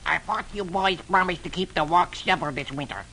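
A man doing a gruff, hot-tempered cartoon duck. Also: on the high side, big pitch swings, unhurried, sharp tone, exaggerated voice. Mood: angry. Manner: barking, gruff, then sly. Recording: noisy old radio recording.

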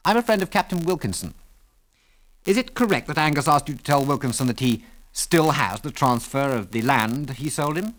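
A man's voice: mid-range voice, lively intonation, normal speed, fairly bright tone, pitched above the performer's own voice, natural voice. A man voicing a confident male pilot in an audiobook, with clipped, decisive delivery. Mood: brisk. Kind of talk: audiobook character voice.

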